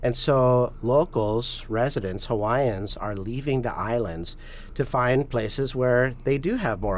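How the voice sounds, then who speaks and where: A man speaking as a guest on a podcast, explaining his views in a measured, earnest way. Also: lowish voice, a little hiss or hum. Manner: measured, earnest, with many fillers and restarts. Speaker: guest, policy advocate. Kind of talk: podcast interview talk.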